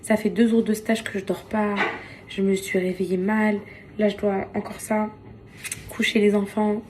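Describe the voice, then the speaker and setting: A woman's voice: medium pitch, little pitch movement, moderate pace, a little mellow, a little hiss or hum. A tired young woman in casual vlog chat, venting and exasperated, often repeating herself. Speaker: vlogger. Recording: household clatter behind.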